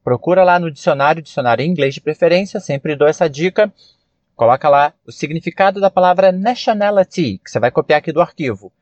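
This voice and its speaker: A Brazilian man teaching English vocabulary on a podcast, spelling words out letter by letter and repeating slow model pronunciations. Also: on the high side, expressive, no echo. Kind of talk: podcast language lesson. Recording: dull lo-fi dry recording.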